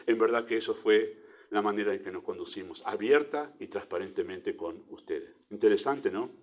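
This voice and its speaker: A man's voice: lowish voice, moderate pace. A man with a Rioplatense Spanish accent preaching a sermon in church, conversational, with little acted asides. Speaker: pastor.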